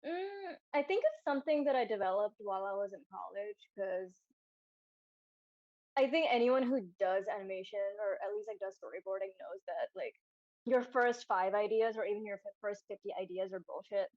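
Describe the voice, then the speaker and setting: A woman's voice: mid-range voice, moderate pace, a little mellow, no room sound. Young woman, chatty, dull dry recording. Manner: chatty, many "like" fillers, candid. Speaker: storyboard artist, interview guest. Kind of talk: casual interview answers.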